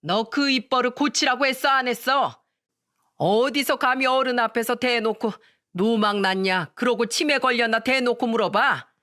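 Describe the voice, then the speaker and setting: A woman's voice: fairly bright tone, natural voice. A woman reading a story voices an enraged older mother-in-law scolding her daughter-in-law. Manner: shrill, scolding rapid questions.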